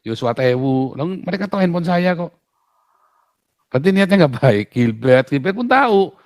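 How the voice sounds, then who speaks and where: A man's voice: a little high, big pitch swings, moderate pace, dry recording. A man, a pastor, talking in an outspoken casual way, emphatic and full of rhetorical questions.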